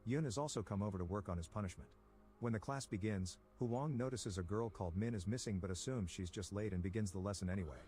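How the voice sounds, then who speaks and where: A man reading a scripted plot recap in a brisk, even storytelling manner. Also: on the low side. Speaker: recap narrator.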